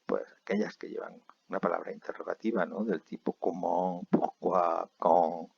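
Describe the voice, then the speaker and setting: A man teaching a recorded video lesson, explaining patiently and reading examples slowly and clearly. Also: low voice, fairly even intonation, darkish tone, highs cut off.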